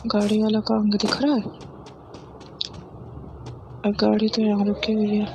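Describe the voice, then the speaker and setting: A woman's voice: mid-range voice, completely flat delivery, a little slow, noisy background. A woman chatting casually with a teammate during an online game, giving matter-of-fact reports. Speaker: gaming teammate. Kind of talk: casual team chat while gaming.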